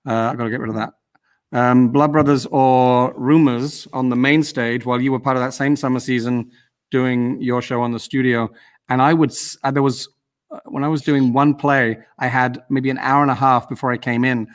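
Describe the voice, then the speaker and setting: A man from the UK hosts a casual interview over a video call. He talks in a chatty, rambling way, circling back on his questions and teasing his guest now and then. His voice sits at an ordinary middle pitch. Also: fairly even intonation, moderate pace. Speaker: host.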